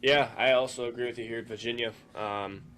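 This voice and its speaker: A man's voice: mid-range voice, fairly even intonation, brisk, a bit bright, a little hiss or hum. A young man co-hosting a casual sports podcast, laid-back and teasing, with lots of ums and likes. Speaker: podcast co-host.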